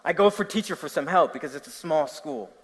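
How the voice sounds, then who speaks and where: Background noise and long hall reverb accompany a young New Jersey preacher with a New Jersey accent. Speaking fairly quickly in a voice on the high side, he animatedly tells stories and asks his listeners questions during the sermon.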